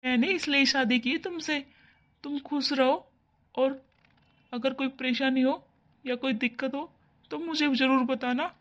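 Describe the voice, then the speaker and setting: A woman voicing a caring young husband in a cartoon story, speaking gently and reassuringly. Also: high-pitched, steady tone, unhurried, long pauses.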